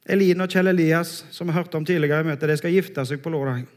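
A male preacher delivers a sermon in a church, his voice sitting fairly high. He talks earnestly and with emphasis, slowing on the phrases he wants to land. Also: fairly even intonation.

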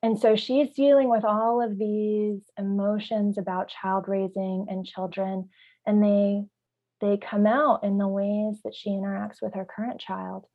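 A woman of middle pitch talks through ideas in a podcast discussion, pausing to search for words before building into a lively story. The recording sounds a little dull and lo-fi. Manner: thoughtful, searching for words, vivid when storytelling. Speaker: parent trainer.

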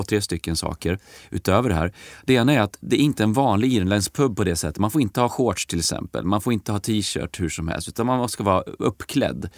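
Podcast co-host, male, keen and rambling, slightly low voice, dry sound. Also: dry recording. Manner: enthusiastic, hesitant with many fillers. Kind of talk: casual chat.

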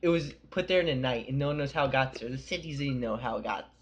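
A man's voice: mid-range voice, fast talker. A young man co-hosting a podcast, telling rambling, profane stories in casual chat. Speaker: podcast co-host.

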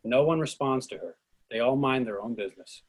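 Stage directions from a script are narrated by a man in brief, declarative sentences. His mid-range voice has a husky, slightly rough grain, and his pace is fairly quick.

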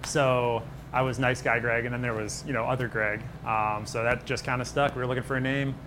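A man from upstate New York talks in a casual, easygoing interview manner, feeling his way through informal stories. His pitch is average, and clear ambient noise sits behind him. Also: flat delivery, brisk. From Buffalo area, New York, United States. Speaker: pizza restaurant owner and bartender. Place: on location at his restaurant. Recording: noisy location with background ambience.

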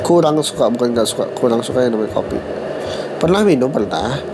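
Heavy background noise surrounds this young podcast host, who talks quickly with lively intonation at a medium pitch. He has a Jakarta slang accent and a nose stuffed up from a cold, and he mocks himself on his casual solo show, laughing at his own jokes.

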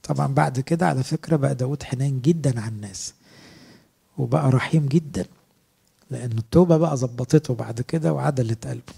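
A man's voice: medium pitch, fast, vocal fry, dark tone, slightly rough. A middle-aged man with an Egyptian Arabic accent, preaching a sermon as a priest, earnest and asking his listeners rhetorical questions.

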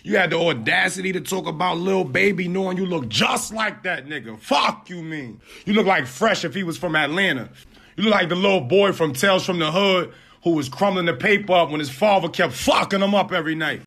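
A man firing back roast insults in an aggressive, shouting manner. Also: high voice, animated, fairly quick, gravelly, breathy edge.

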